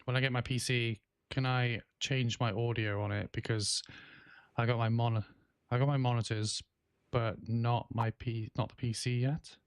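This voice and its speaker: A man in his thirties from England, whose English accent has a Welsh twang, chats casually on a game livestream and reads chat aloud. His medium-pitched, steady voice moves at a moderate pace in a dry recording. He rambles with many fillers and restarts, coughing and clearing his throat now and then.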